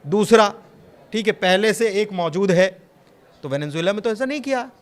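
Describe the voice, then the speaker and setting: A man speaking as a news analyst in a studio panel discussion, animated and sarcastic, firing off rhetorical questions. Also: high voice, moderate pace.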